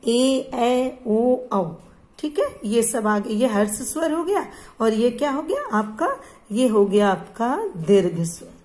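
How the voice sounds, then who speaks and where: A woman teacher gives a classroom grammar lesson, with a voice pitched a little high. She talks very slowly and goes over each point again and again. She keeps asking the class questions and then answers them herself.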